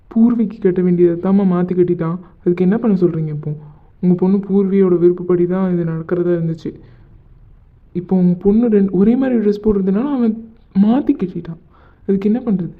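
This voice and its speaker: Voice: medium pitch, steady tone, fairly quick, close to an everyday voice. A performer voicing a brash young man who argues bluntly, in a hobby drama. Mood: defiant. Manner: blunt, argumentative. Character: brash young man defending his friend. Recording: tinny phone-like recording.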